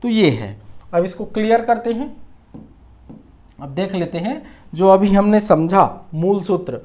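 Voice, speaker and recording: A woman's voice: medium pitch, lively intonation, a little slow, mellow. A woman teacher explaining English articles in a classroom grammar lesson, patiently posing questions and answering them herself.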